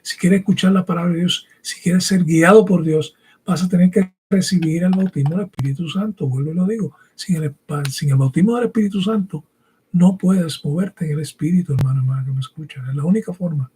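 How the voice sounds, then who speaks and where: Here a man brought up bilingual in English and Spanish delivers a didactic sermon built around scripture, stressing his points and often tossing out short rhetorical questions. He speaks briskly in a slightly high, warm voice, with a faint hiss or hum in the background.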